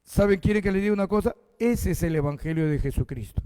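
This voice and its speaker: A man's voice: high voice, quick pace, mellow, clear, resonant tone, in a large hall. A man with a Peruvian Spanish accent, a pastor preaching a sermon, speaking straight to his congregation and reading scripture aloud. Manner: addresses the congregation directly, reads scripture aloud.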